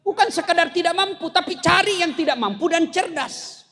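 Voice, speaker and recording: A man's voice: extremely high pitch, moderate pace. A middle-aged man, giving a humorous sermon full of stories and jokes and talking straight to the crowd. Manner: storytelling with jokes, lively asides to audience. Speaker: preacher.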